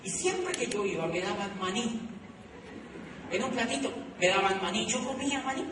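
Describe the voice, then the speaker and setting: A middle-aged man with a Colombian accent giving an animated motivational talk to an audience, telling his story with many repeated phrases. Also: high-pitched, moderate pace, background noise. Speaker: motivational speaker. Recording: echoey hall recorded from far off.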